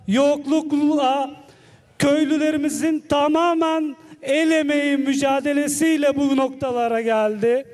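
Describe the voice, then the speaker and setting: A man giving a formal thank-you speech at a festival, in deliberate short phrases. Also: very high voice, darkish tone. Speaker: local speaker at a wrestling festival.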